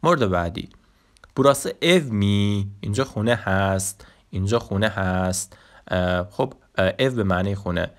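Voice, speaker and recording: A man teaching a language lesson, patiently repeating example sounds slowly and clearly. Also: low-pitched.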